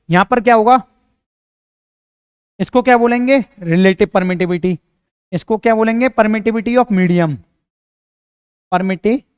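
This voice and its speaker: A man's voice: sits high, clean tone, no echo, clean studio sound. A young man teaching physics in a casual, chatty lecture, talking straight to his students and joking with them. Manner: chatty, jokey, addresses students directly.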